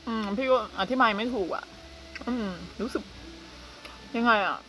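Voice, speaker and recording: A woman in her thirties from Thailand, chatting casually to her viewers in an unhurried way, often filling pauses with soft hums. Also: fairly high pitch, soft background music. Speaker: vlogger. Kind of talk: casual chat to camera.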